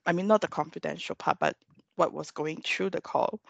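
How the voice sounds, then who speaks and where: Expressive woman co-host, slightly low. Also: a little fast, gravelly, dry recording, dull audio. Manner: expressive, laughs, mimics her husband. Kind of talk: casual podcast chat.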